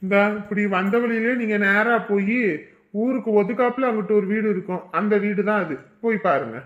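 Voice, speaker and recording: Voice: mid-range voice, brisk, highs cut off, lightly acted. Someone doing a chill village head pointing the way. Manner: giving directions, easygoing. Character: helpful village headman, plain-spoken.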